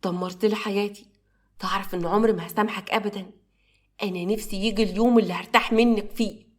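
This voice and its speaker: A woman's voice: medium pitch, steady tone, quick pace, close to an everyday voice. A woman with an Egyptian accent voicing a bitter, resentful father who reproaches his son and wife in a spoken story. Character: bitter weary father Mustafa, resentful man.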